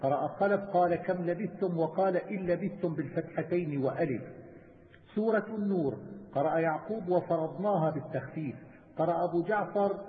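Male teacher, high voice, steady itemized recitation; thin lo-fi sound with a long hall echo. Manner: measured, methodical listing. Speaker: teacher of Quranic reading variants. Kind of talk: chanted recitation and itemized explanation. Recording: tinny phone-like sound with long reverb.

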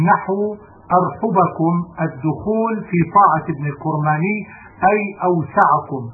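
A man reading a classical grammar text aloud in a steady recitation, sometimes correcting himself mid-word. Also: on the high side. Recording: tinny phone-like audio with faint hiss.

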